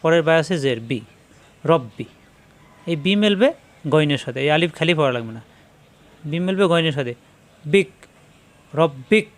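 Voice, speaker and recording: Man, Bengali-speaking Quran teacher, slightly high voice, syllable-by-syllable lesson, slow modelled recitation. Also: expressive. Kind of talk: step-by-step spelling and pronunciation lesson.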